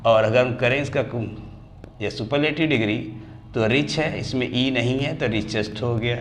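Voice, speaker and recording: A man teaching English grammar, his voice at an ordinary middle pitch for a man. He drags out example words slowly, syllable by syllable, and calls his students dear children. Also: a little hiss or hum. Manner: slows right down and stretches example words to spell them out. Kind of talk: classroom grammar lesson.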